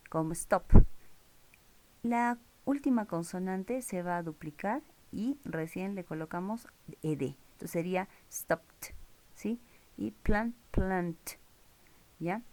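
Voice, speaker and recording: A woman's voice: mid-range voice, a little mellow. A woman teaching English grammar in a recorded lesson, explaining rules step by step and checking in with her viewers. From Peru.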